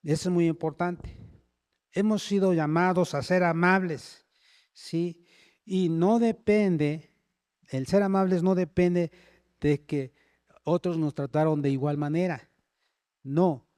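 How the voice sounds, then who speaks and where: A man's voice: on the high side, fairly even intonation, slow pace, pauses often, a little mellow, clear, resonant tone, no room sound, studio quality. A man preaching a sermon, often checking in with the congregation and calling for amens.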